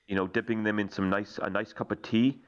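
Low-voiced man, casual and jokey. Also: fairly even intonation, brisk, highs cut off. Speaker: live show co-host.

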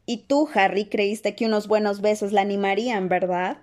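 A woman's voice: medium pitch, fairly even intonation, normal speed, darkish tone, lightly acted. A woman voicing a tactless, teasing teenage boy in a dramatized audiobook reading, blunt and mocking.

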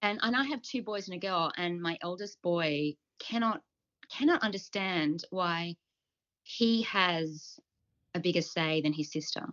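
Woman, 30s to 40s, podcast co-host, earnest and animated, lowish voice, muffled recording. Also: unhurried. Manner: animated, earnest, with ums and restarts. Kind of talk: casual podcast chat.

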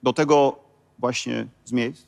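A man's voice: mid-range voice, fairly even intonation, measured pace, vocal fry. A man interpreting a sermon live, matching the preacher's emphasis and sometimes stumbling over words.

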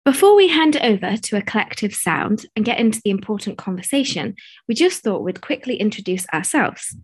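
A woman's voice: mid-range voice, very animated, a little fast, breathy edge. A woman giving a scripted introduction to a podcast episode as a research presenter.

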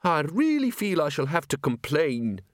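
A man doing a squeaky, fussy ghost curator. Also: sing-song, moderate pace, dry recording, studio quality. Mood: fussy indignant. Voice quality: squeaky, trilling. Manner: prim, fussy, indignant.

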